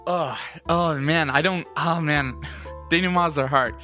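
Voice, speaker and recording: A man playing a tabletop role-playing game, improvising casually and haltingly as he thinks aloud. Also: fairly high pitch, pushed and bright. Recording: background music.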